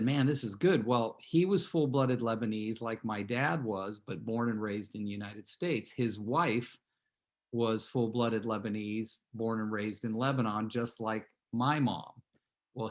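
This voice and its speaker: On a video call, a sixty-something real estate team leader from California shares a meandering personal story with his team, regularly turning to talk straight to them. His voice is lowish and unhurried.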